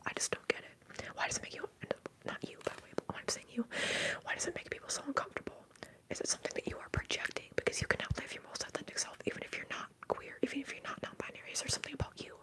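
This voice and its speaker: A woman whispering softly and breathily as she hosts an ASMR livestream, chatting in a candid, informal, rambling way. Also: sits high, low-quality recording. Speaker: livestream host.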